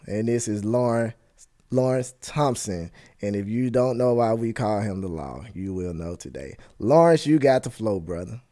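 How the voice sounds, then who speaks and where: A man's voice: medium pitch, darkish tone. A man hosting a casual podcast chat, laid-back and full of slang, calling people man and brother. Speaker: host.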